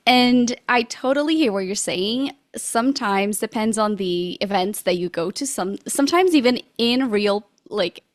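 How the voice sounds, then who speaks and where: A woman's voice: mid-range voice, normal speed, hardly any pauses, no room sound, clean studio sound. A woman from Portugal, a podcast guest, speaking in a bubbly, extroverted way and acting out quotes. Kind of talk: casual interview chat.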